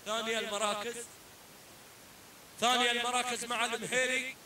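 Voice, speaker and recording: An excited male race commentator, urging the riders on and repeating each line. His voice is strikingly high and piercingly bright. It sounds roomy and set back from the mic, with a faint hiss underneath. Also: fairly quick. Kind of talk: live camel race commentary. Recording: echoey, distant, faint hiss.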